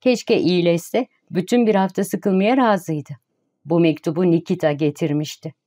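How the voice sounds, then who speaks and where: A woman narrates a novel for an audiobook in a calm, even reading style. Her voice sits low, with a warm, mellow tone. The reading is steady and unhurried. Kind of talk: scripted narration.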